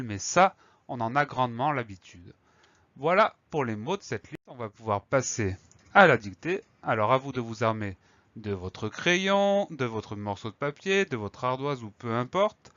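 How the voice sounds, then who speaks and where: A man's voice: medium pitch, fairly bright tone, dry recording, dull audio. A man teaching spelling in a didactic, dictating manner, carefully enunciating and repeating key words. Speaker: teacher giving a spelling lesson. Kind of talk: slow instructional explanation for a dictation lesson.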